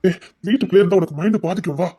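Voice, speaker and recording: A woman's voice: fairly low pitch, very fast, warm tone, slightly rough, dull audio. An actress playing a devoted woman who soothes and pleads with a grieving friend, with a Tirunelveli Tamil accent and frequent repeated reassurances. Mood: pleading, soothing. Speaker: close companion consoling a grieving woman. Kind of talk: emotional web drama acting.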